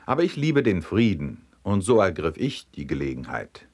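A weary married soldier delivering a dry punchline as a man voices him. His voice is low and wry, with a little lift on the opening words, in a spoken joke. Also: big pitch swings, moderate pace, darkish tone, slightly rough, exaggerated voice.

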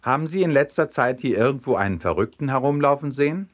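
A pushy, businesslike asylum attendant, as a man reading jokes puts him on. He speaks higher than the narrator's usual voice, rapid and lively. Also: close to an everyday voice. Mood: insistent. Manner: brisk, insistent. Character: insistent male asylum attendant.

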